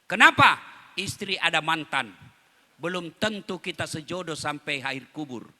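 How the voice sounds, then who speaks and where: A male preacher delivers a dramatic storytelling sermon at a condolence gathering and calls out directly to his audience. His voice is high and piercingly bright. It carries a long reverberant tail from the hall. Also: moderate pace.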